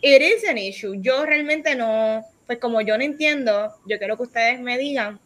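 A woman's voice: a little high, moderate pace. A woman hosting a casual podcast chat, talking animatedly and mixing English words into her Spanish. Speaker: podcast host.

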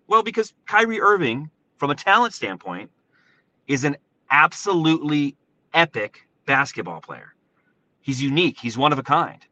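An American man delivers casual live sports commentary from inside a parked truck. His medium-pitched voice is bright and forceful. He sounds animated and informal, hitting key words with emphasis like an enthusiastic podcast host. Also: lo-fi sound. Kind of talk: excited solo sports commentary, casual livestream.

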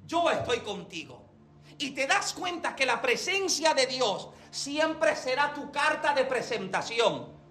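Male preacher, very high pitch, animated storytelling sermon, echoey church hall. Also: slow pace, slight background noise. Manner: animated storytelling, often calls out to the congregation.

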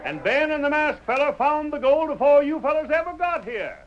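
An actor playing a gruff, plainspoken American sheriff who talks like a mountain man in an old-time western radio drama. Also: extremely high pitch, animated, a little fast, muffled recording. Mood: stern, satisfied. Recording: noisy old radio recording.

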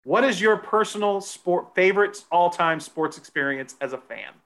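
A man's voice: sits high, lively intonation. A man co-hosting a podcast, asking questions and chatting in a self-mocking way. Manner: quick, bright and self-mocking. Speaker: podcast co-host. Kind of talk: casual chat.

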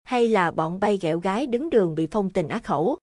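A woman's voice: medium pitch, animated, a little fast, a little mellow, no echo, natural voice. Petty old magistrate, puzzled and questioning voiced by a woman narrator, dry storybook read. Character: petty old male county official, baffled.

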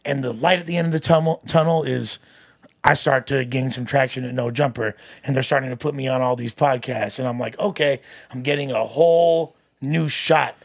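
A man's voice: mid-range voice, fairly even intonation, brisk, vocal fry. A man talking casually and candidly as a podcast guest, in emphatic bro-like hype with street slang and frequent swearing.

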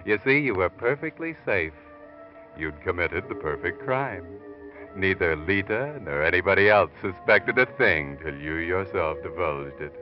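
The Whistler, deep, mocking radio narrator. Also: male voice, expressive, faint music behind. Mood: sardonic, gloating. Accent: American. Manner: mocking, deliberate, theatrical. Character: sardonic, all-knowing male narrator taunting a doomed criminal. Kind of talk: 1940s radio acting. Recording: dull vintage radio recording.

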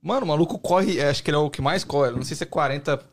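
A man's voice: on the high side, racing. A man with a Brazilian Portuguese accent, chatting casually as a podcast co-host with slangy, sweary exclamations. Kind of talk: casual chat.

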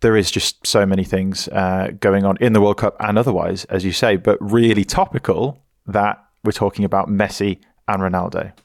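A man in his younger years co-hosts a football podcast in easy, casual chat. His voice sits low, and the sound is close and dry, with no room around it. He weighs his words, hedging and thinking aloud. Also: steady tone, creaky, dry recording. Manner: thoughtful, hedging, measured. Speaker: podcast co-host.

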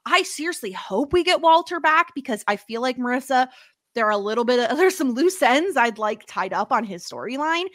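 Brief: woman podcast host, higher pitch, bright and forceful, chatty filler-heavy talk, dry sound. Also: animated, a little fast, dry recording. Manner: chatty, full of "like" and "obviously". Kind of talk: casual chat.

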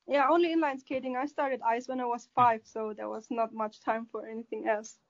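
A woman's voice: a little high, flat delivery, brisk, lo-fi sound. A woman with a German accent, a guest answering podcast questions hesitantly, searching for English words. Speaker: athlete guest.

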